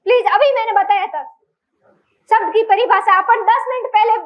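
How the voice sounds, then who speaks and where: A woman's voice: extremely high pitch, normal speed, lo-fi sound. A woman teacher with a Rajasthani Hindi accent, giving a classroom lecture and quizzing her class with question after question.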